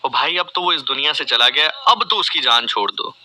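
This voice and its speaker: Earnest radio host, very bright voice. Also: male voice, mid-range voice, lively intonation, normal speed, low-quality recording. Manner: earnest, pleading, rhetorical questions. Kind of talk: reflective radio monologue. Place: radio studio.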